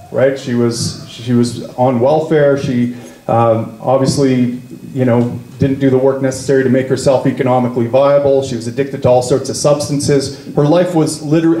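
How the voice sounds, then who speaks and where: A man leading a political party, speaking at a party meeting and telling a story, slowing down to lean on key words. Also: medium pitch, dark tone. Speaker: party leader. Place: meeting room. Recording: echoey meeting room.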